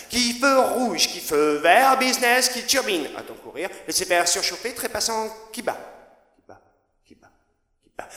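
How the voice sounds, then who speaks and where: A man's voice: high-pitched, bright, forceful tone. A man performing rhythmic spoken-word poetry in a chanted, incantatory delivery, with a repeating refrain that often drops to a whisper. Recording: reverberant with a long hall echo.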